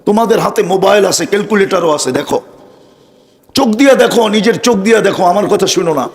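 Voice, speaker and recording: A man's voice: high-pitched, lively intonation, fast. A man preaching a sermon, fervent and full of rhetorical questions put straight to his listeners. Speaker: Islamic preacher. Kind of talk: sermon to a live audience.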